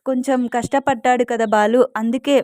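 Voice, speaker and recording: A woman's voice: fairly high pitch, fairly even intonation, moderate pace, a little mellow, dry recording, close to an everyday voice. A woman doing a snappish defensive young wife. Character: defensive young wife protecting her husband.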